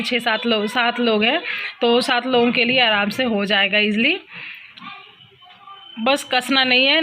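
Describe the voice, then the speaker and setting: A young woman with an Uttar Pradesh Hindi accent talks through her home cooking in a chatty, easygoing way. Her voice sits a little high. Faint household noise hums underneath. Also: fairly bright tone. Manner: chatty, explains each step with fillers. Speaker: vlogger. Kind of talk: casual cooking vlog narration. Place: home kitchen.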